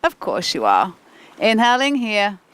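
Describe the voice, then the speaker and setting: A woman's voice: mid-range voice, wildly swooping pitch, measured pace, a bit bright, clean tone, poor audio. Woman yoga teacher, encouraging and informal. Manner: encouraging, informal, chatty asides. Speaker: kundalini yoga instructor. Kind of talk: guided yoga class instruction.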